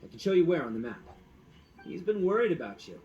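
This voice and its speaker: A man voicing a brash, warm-hearted young hero in an anime-style video game, boastful and showy. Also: on the high side, big pitch swings, quick pace, dull audio. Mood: reassuring.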